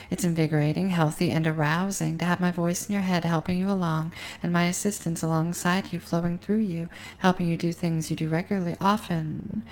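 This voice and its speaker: Lowish gravelly woman doing a hypnosis track, slow and sultry, talks right to you. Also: a little mellow, poor audio. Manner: slow, repetitive, hypnotic cadence; sultry, intimate address to the listener. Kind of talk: guided hypnosis recording.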